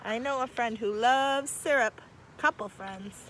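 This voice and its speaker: Against a noisy background outdoors by the trees, a teacher with a fairly high voice reads a picture book aloud to kids. Her reading is slow and warm, with lively, conversational asides mixed in.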